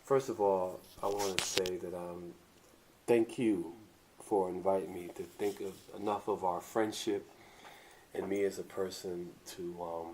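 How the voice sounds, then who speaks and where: A man guest on a podcast, speaking low, soft and earnest as he thanks his hosts. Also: steady tone, a little slow, slight background noise, poor audio. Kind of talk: casual chat.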